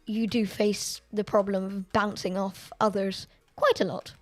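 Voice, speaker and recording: A woman streamer chatting through a racing game, excitable and quick to laugh at her own mistakes. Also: medium pitch, faint music behind. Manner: chatty, excitable and self-deprecating. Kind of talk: live-stream gameplay commentary.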